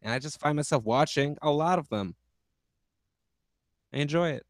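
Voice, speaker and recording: A man's voice: on the high side, moderate pace, no echo. A man co-hosting a comedy podcast, talking in a laid-back, hesitant, dry way. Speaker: podcast co-host.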